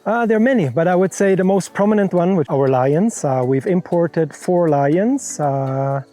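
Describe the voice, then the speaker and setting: This middle-aged European man, founder of a conservation center, has a slightly high, warm voice with lively intonation at a normal pace. He answers interview questions frankly and walks through worked examples, with soft music in the background.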